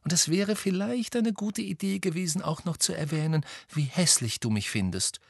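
A patient, know-it-all teenage girl witch, as a male audiobook reader puts her on. She talks slowly and explains everything with exaggerated patience, pitched above the reader's own voice. Close, dry recording. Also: expressive, creaky, breathy edge, dry recording, heavily acted.

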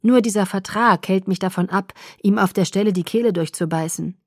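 A woman's voice: mid-range voice, fairly quick, dry recording, clean studio sound, lightly acted. Woman voicing a tense, hot-tempered young man. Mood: cold, insistent. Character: hot-tempered young man, barely holding back rage.

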